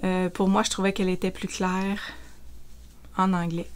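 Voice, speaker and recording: A woman's voice: mid-range voice, flat delivery, normal speed, clean tone. A woman with a Quebec French accent, casually chatting through a knitting vlog with frequent fillers. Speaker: knitting vlogger. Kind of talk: casual show-and-tell chat.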